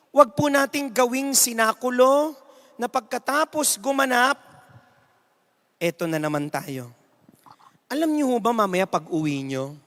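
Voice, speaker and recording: A man's voice: high-pitched, fairly bright tone. A Filipino man giving a humorous sermon as a lay preacher, telling stories and acting out the people in them. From Philippines. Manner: storytelling with jokes and acted-out quotes. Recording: long hall reverb.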